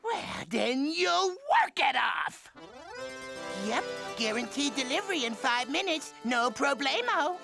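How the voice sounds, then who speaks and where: A woman voicing a grouchy, loudmouthed cartoon pizza delivery boss who is bossy and mangles words. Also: high-pitched, sing-song, slow, gravelly, heavily acted. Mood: businesslike. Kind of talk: cartoon voice acting. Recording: loud cartoon music behind.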